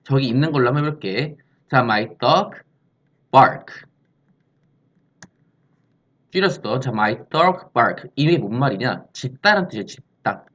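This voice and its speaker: A man's voice: mid-range voice, animated, unhurried, long pauses, fairly bright tone. A man teaching an English grammar lesson, explaining step by step and posing questions he answers himself. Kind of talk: recorded classroom-style lesson.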